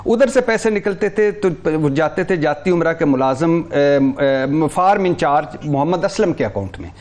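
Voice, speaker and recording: Brief: higher-voiced man, heated studio debater, rattles off names, stumbles and restarts. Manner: animated, lists names rapidly with restarts. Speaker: talk show guest. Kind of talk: heated political talk.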